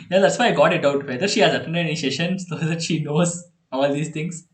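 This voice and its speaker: A man with an Indian English accent tutoring a child in programming on a video call, chatty and quick to laugh. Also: on the high side, echoey room. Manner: chatty, laughs often, repeats okay and yeah. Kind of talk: online one-on-one coding lesson.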